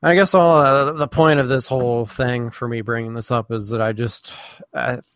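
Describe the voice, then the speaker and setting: A man hosting a live podcast in casual chat, halting with many fillers and restarts. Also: mid-range voice, steady tone, a bit bright, dry recording. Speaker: podcast host.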